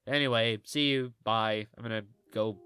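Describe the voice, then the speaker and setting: A man's voice: lowish voice, steady tone, normal speed, bright, forceful tone, faint music behind. A man with a cold giving scripted video game commentary in a stuffy, nasal voice, as if pinching his nose.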